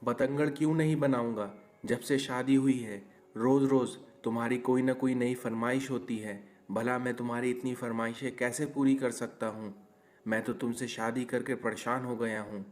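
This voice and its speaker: A man's voice: mid-range voice, steady tone, normal speed, a little mellow, lightly acted. A man voicing a stubborn young newlywed husband in a cartoon story, grumbling and exasperated. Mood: irritated.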